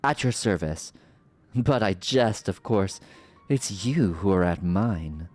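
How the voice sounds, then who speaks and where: A man's voice: low voice, animated, takes it slowly, darkish tone, faint music behind, exaggerated voice. Man voicing a menacing, theatrical villain sorceress. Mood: haughty, mocking. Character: haughty sardonic ancient sorceress villain, memory manifested, woman. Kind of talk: reading game dialogue aloud in character.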